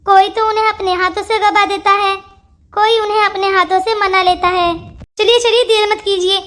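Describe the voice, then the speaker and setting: A performer voicing a warm, sensible young daughter-in-law who speaks sweetly and persuasively. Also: very high-pitched, level tone, moderate pace. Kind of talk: cartoon voice acting.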